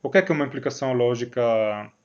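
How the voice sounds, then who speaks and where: Italian male lecturer, mid pitch, halting delivery with lots of fillers, dull lo-fi recording. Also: darkish tone. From Italy. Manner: hesitant, many fillers and restarts, checks in with "né? certo?". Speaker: university math lecturer.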